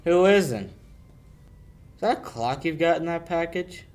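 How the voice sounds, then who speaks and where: Doing a 1940s radio drama, a young male amateur actor from high school voices a confident, needling, wisecracking detective full of swagger. He speaks slowly in a fairly high, darkish voice with lively intonation.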